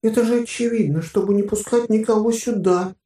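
A male narrator voicing a calm, matter-of-fact female hologram guide with a plain, slightly curt way of explaining. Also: high voice, a little fast, reverberant, far from the mic, pitched above the performer's own voice, lightly acted.

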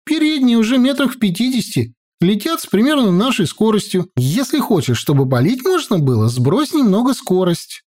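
High-pitched young girl navigator, as a man puts her on, brisk reports, lively intonation, mellow tone. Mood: brisk reporting. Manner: brisk military-style reports. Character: young girl scout reporting drone sightings.

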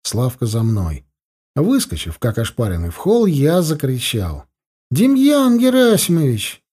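A man reading a first-person audiobook with wry, expressive storytelling. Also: medium pitch, a little slow, breathy edge. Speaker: audiobook narrator.

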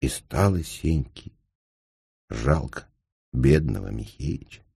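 A man narrating an audiobook in an expressive, vivid storytelling manner. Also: extremely low pitch, slow pace, creaky, breathy edge.

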